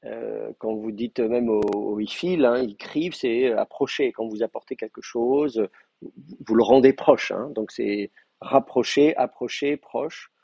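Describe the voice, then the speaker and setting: A man's voice: mid-range voice, unhurried, vocal fry, warm tone, slightly rough, dry recording, muffled recording. A man teaching an advanced class in a live lecture, explaining patiently with frequent hesitations and fillers. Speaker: Hebrew teacher.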